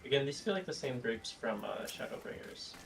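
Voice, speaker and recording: A man's voice: mid-range voice, lively intonation, brisk, creaky. A man chatting casually during a game stream, making dry, teasing remarks. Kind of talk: casual gaming chat. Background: game music.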